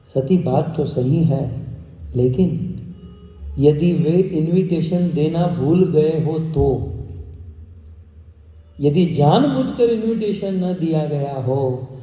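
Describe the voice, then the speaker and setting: A man voicing a great male god, a calm and firm husband who reasons steadily with his wife, within a sermon. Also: on the high side, slow pace, pauses often, lo-fi sound, faint music behind. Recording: echoey hall from far off.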